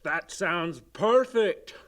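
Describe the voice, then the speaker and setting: A man playing a terse, deadpan minotaur sidekick in a public access TV comedy sketch. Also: high voice, full character voice. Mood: pleased. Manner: terse, deadpan, drawn-out answers. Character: sulky, placid male minotaur sidekick of few words.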